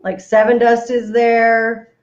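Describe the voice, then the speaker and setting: A woman's voice: a little high, completely flat delivery, slow pace. A woman co-hosting a radio show, chatting easily and saying "like" a lot. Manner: easygoing, uses "like" a lot. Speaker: co-host. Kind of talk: casual chat. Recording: roomy dull sound with faint noise.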